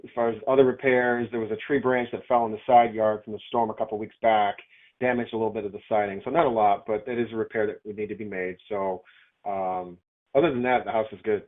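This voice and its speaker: Thinking aloud as he chats, a property owner on the phone sounds easygoing and a bit hesitant. His lowish voice stays steady and fast, and the phone audio is narrow and tinny.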